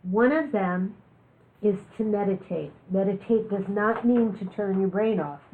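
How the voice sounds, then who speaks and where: A woman's voice: medium pitch, unhurried, a little hiss or hum. Woman speaking through a thin, phone-like recording. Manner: candid, joking storyteller. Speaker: speaker giving a talk on chronic illness. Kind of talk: public talk with personal stories.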